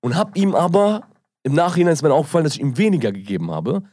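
Husky german guy telling stories, high-ish voice, dry close sound. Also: fast talker, no room sound. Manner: animated, acts out quotes with laughter. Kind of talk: casual storytelling chat.

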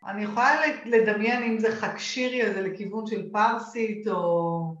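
A woman with an Israeli accent coaching in a live session, emphatic and often checking in with short questions. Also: medium pitch. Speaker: coach and course teacher leading a live session. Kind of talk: live coaching talk, questioning and addressing listeners. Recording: dull lo-fi, echoey room sound.

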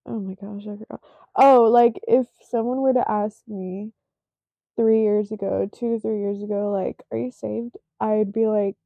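Over a dry recording with a thin, phone-like tinniness, a twenty-something woman talks through her own podcast at a slow, rambling pace. Her medium-pitched voice holds a steady tone, though she keeps yawning, sounds drowsy, and leans on frequent fillers in a self-conscious way.

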